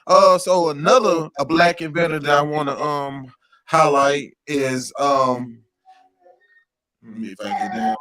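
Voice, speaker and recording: A man's voice: fairly high pitch, measured pace, fairly bright tone. Laid-back man, podcast co-host. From Louisiana. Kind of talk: casual podcast chat.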